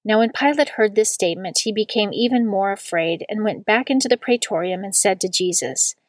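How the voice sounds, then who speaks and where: A woman reading a long scripture passage aloud in a measured liturgical style, slowing down on the quoted words. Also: medium pitch, no echo. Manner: slow and deliberate on quoted words. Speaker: scripture reader.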